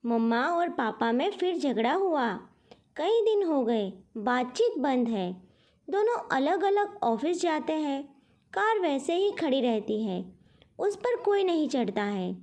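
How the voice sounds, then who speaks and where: A woman's voice: sits high, sing-song, slow pace, darkish tone, full character voice. A woman voicing a frightened little granddaughter who speaks anxiously and pleadingly. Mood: worried.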